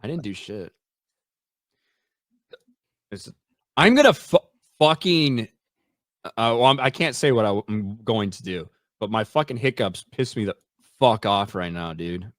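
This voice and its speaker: A man's voice: on the low side, measured pace, long pauses, no room sound, studio quality. A man co-hosting a casual online talk show, speaking bluntly and with lots of swearing as he reads out chat messages. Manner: blunt, profane, animated. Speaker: podcast co-host reading chat.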